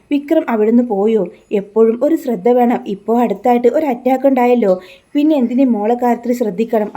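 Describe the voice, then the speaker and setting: Mellow-voiced woman retelling a serial. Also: a little high. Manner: retells scenes and reads characters' lines in her own voice, adding tag words. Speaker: serial recap narrator. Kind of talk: casual spoken story recap.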